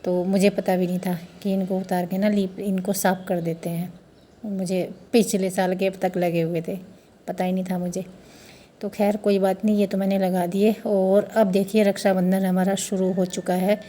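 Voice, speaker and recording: Mellow-voiced woman narrating a family vlog. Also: mid-range voice, little pitch movement, normal speed. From India. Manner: chatty, explains customs step by step. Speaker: family vlogger. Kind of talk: casual vlog narration to viewers. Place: family home during a festival.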